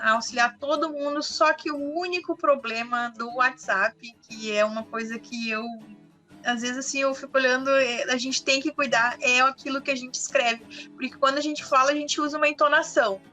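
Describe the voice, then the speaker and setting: A woman from southern Brazil, a school monitor explaining her work in a casual online live interview, lively, with frequent tag questions. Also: sits high. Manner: animated, explanatory, speaks in short bursts with frequent tag questions.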